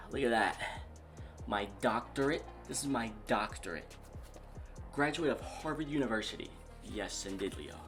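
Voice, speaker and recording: A man's voice: medium pitch, close to an everyday voice. A man playing a boastful self-proclaimed relationship doctor in a comedy sketch, rambling and repeating himself. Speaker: comedic YouTube host in character.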